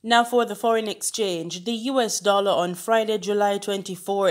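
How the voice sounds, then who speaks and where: Female business reporter, lowish voice, steady run through numbers. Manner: steady listing of figures.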